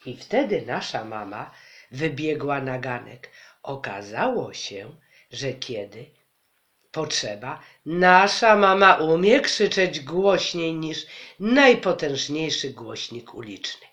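A man reading a children's story aloud with expressive, dramatic storytelling. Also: fairly high pitch, slow. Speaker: narrator.

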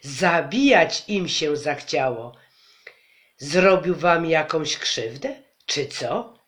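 A man reading aloud and voicing a fierce, protective mother who scolds a crowd loudly. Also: very high voice, animated, slow pace, voice pushed up, exaggerated voice. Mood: indignant. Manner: loud, indignant scolding.

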